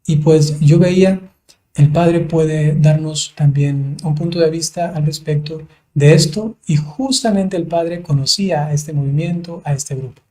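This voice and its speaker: A man, a priest, hosting a livestreamed conversation, speaking in a measured way with frequent fillers. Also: on the high side, warm tone. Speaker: priest, host.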